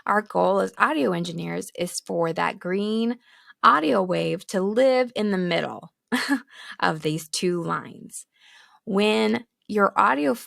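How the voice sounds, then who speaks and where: A hoarse podcast host who is losing her voice teaches casually at home with children nearby, speaking candidly and laughing between points. Her fairly low voice is captured on a close studio microphone with no room sound.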